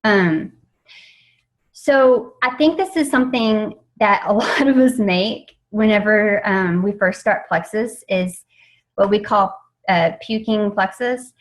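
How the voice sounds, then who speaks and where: A young woman talking her team through a training session. Her pitch sits right in the middle range, and she keeps an eager, chatty flow full of ums and restarts, like she's talking to friends rather than lecturing. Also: unhurried, rough recording. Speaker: network marketing team trainer. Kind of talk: informal training talk.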